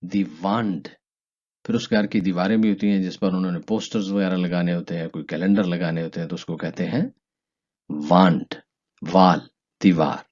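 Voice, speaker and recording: A man teaching German vocabulary in a lesson, stretching each German word out slowly and jumping up in pitch on it. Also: fairly even intonation, darkish tone. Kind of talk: language lesson explaining vocabulary. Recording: dull lo-fi recording.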